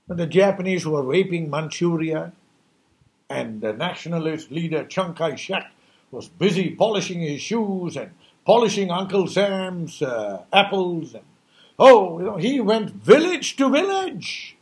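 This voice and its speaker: A man's voice: on the high side, lively intonation, unhurried. A man delivering an impassioned New Year message as a rhetorical monologue, emphatic and preachy, full of rhetorical questions.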